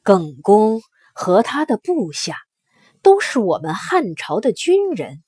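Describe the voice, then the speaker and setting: A woman's voice: medium pitch, warm tone, slightly rough, no echo, clean studio sound, exaggerated voice. A woman voicing a grieving male court minister who pleads earnestly before the emperor.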